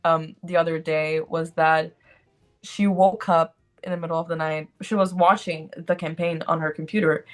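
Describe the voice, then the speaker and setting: Speaking with a low, flat voice at a moderate pace, a young Brazilian actor in her twenties chats informally as a guest in an interview. Her Brazilian accent comes through, and she leans heavily on "like" and "um."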